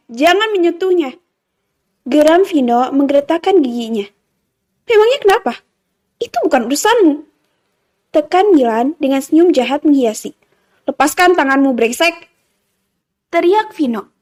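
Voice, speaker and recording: A woman narrating a dramatic story in an expressive, dramatic way. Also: high voice.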